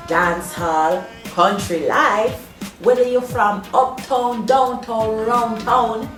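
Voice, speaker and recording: A woman with a Jamaican accent presenting a language lesson as its host. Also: a little high. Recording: roomy echo, faint background noise.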